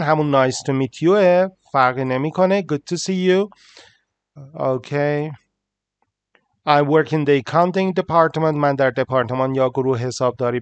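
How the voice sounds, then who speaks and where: A male English teacher explaining a listening lesson, saying English examples slowly and explaining them quickly. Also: on the high side, clean tone, dry recording.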